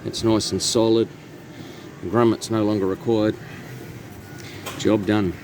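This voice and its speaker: Unhurried and flat, a lowish-voiced man with a New Zealand accent narrates a repair video of his own. He's a radio technician working in and around a truck cab, giving a matter-of-fact, casual hands-on walkthrough while vehicle ambience and background noise are clearly heard.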